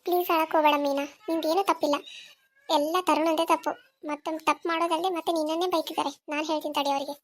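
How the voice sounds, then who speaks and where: A woman's voice: sits high, level tone, racing, lightly acted. A woman voicing a bossy, meddling young woman friend in a cartoon serial. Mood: consoling. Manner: bossy, coaxing.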